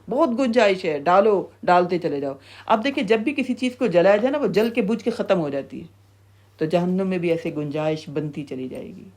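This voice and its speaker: A woman teaching a Quran tafseer lesson. She talks animatedly, repeats phrases for emphasis and rises to a high scolding pitch when she quotes warnings. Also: darkish tone.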